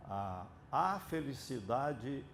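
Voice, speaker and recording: A Brazilian psychiatrist giving a reflective, digressive lecture in an auditorium, with drawn-out pauses and hesitant fillers. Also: male voice, mid-range voice, big pitch swings, gravelly, fairly bright tone, slight background noise. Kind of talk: unscripted lecture.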